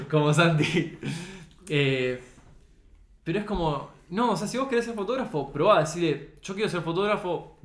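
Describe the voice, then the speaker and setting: A young man with a Rioplatense Spanish accent, talking with heartfelt earnestness in a casual podcast chat. His voice sits a little high. The roomy studio echo hangs around his words. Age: young adult. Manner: earnest, heartfelt, full of slang fillers. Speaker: podcast guest, photographer. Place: recording studio.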